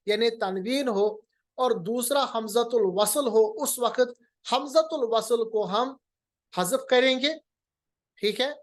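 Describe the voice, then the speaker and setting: A male teacher giving a recorded lesson on Quran recitation rules, patiently repeating each point and sounding out the examples. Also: very high voice.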